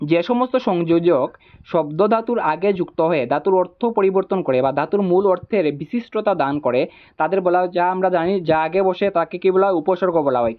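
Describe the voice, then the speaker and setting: A man's voice: high voice, lo-fi sound. Man tutor reading exam answers. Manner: repeats each answer option deliberately.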